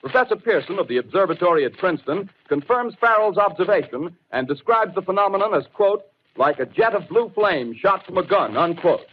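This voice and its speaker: An actor playing a formal, urgent news bulletin announcer in a 1930s radio drama. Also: male voice, high voice, lively intonation, fairly quick, slight background noise. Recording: muffled old radio recording.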